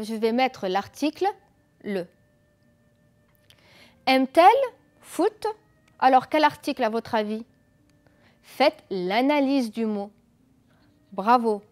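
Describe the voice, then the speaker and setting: A woman's voice: fairly high pitch, darkish tone. A woman teacher giving a televised school lesson, explaining patiently, asking pupils questions and praising their answers. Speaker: French teacher.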